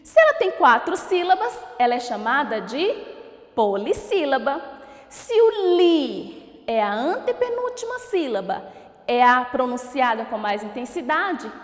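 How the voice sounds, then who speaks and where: Brazilian teacher lady, high lively voice, stretches out every syllable, echoey classroom sound. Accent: Brazilian Portuguese. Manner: slow, drawn-out syllable-by-syllable word pronunciation; encouraging, asks questions and praises. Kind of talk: recorded school lesson for children. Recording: echoey room with long reverb.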